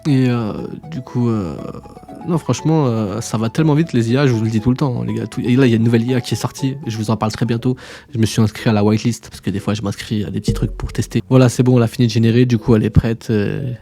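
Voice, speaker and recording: A man's voice: mid-range voice, steady tone, fast, warm tone, faint music behind. A man hosting a casual screen-share tutorial, informal and slangy, chatting to viewers like buddies. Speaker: tutorial host.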